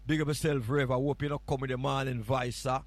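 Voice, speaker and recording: Delivering his lines flatly and a little fast, a mid-range-voiced man with a Jamaican accent substitutes as a morning radio host. His casual chat is playful, rambling, and teasing.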